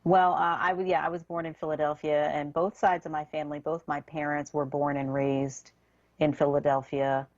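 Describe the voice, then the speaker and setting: A woman in her fifties with a low voice chats wryly as a radio co-host. Her voice sounds dull and dry, close to a studio microphone. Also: flat delivery, normal speed, darkish tone, no echo. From New York. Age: 50s. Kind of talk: casual radio talk.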